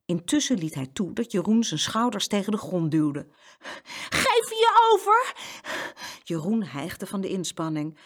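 A woman reading a children's story aloud as narrator, with expressive storytelling. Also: lowish voice, moderate pace.

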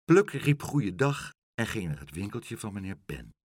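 A man's voice: fairly low pitch, big pitch swings, moderate pace, slightly rough, no room sound, studio quality. A man reading a children's story aloud, acting out every line.

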